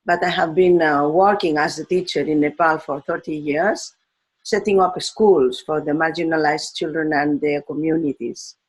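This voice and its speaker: A woman from Spain, a teacher giving a slow, thoughtful talk on education, pausing often and restarting her phrases. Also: deep voice, fairly even intonation, low-quality recording. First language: Spanish.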